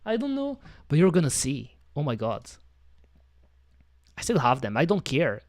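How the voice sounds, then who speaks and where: A man's voice: medium pitch, expressive, normal speed, no room sound, clean studio sound. A man chatting casually on his stream, rambling and talking to himself with many fillers and restarts. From French-speaking. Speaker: VTuber streamer.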